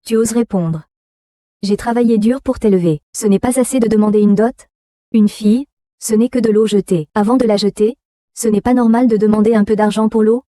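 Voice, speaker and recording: Une comédienne doublant une mère âgée, avide et mélodramatique, qui gronde et se lamente. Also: female voice, mid-range voice, fairly even intonation, a little fast, dark tone, dry recording, clean studio sound, lightly acted. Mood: scolding. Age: older. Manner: wailing and scolding. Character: shrill older mother, greedy, melodramatic. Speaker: mother. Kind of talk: dubbed drama.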